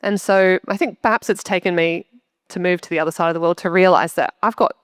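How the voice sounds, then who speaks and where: A woman's voice: fairly low pitch, fairly even intonation, quick pace, clear, resonant tone, dry recording, studio quality. A young woman sharing a heartfelt testimony in a church interview, chatty and earnest. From Australia. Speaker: church member interviewed on stage.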